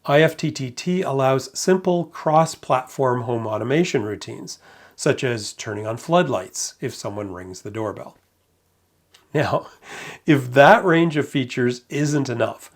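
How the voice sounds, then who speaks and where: Man reviewing a gadget, measured and matter-of-fact, mid-pitched voice, dry amused asides. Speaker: product reviewer. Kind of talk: scripted review narration.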